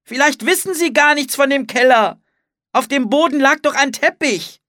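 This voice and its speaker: A storybook reader voicing a worried young girl who pleads urgently, shouting in alarm. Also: medium pitch, measured pace, breathy edge, no echo, studio quality. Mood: alarmed pleading. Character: frightened young girl, earnest and caring. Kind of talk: audiobook character voice.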